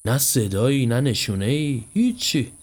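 A man's voice: medium pitch, sing-song, a little mellow, slightly rough. A man voicing a jittery young man in a horror audio story, with a shaky, grumbling way of talking. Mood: uneasy. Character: jittery young man who jokes when scared.

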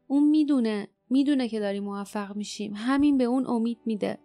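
A woman's voice: on the high side, mellow, no echo, faint music behind, natural voice. A woman reading a determined, earnest teenage boy hero in an audiobook, speaking with urgency.

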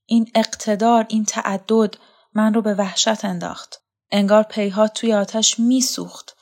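An earnest young man pleads with fervent longing, read by a woman narrator in her own voice. He sounds at a plain middle pitch, since the storybook reading hardly changes the voice. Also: steady tone, a little mellow, close to an everyday voice. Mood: yearning.

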